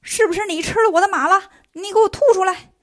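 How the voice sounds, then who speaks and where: A woman voicing a hot-tempered male monkey king who talks loudly and impatiently. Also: high-pitched, animated, a little fast. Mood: furious. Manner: loud, impatient, cheeky shouting.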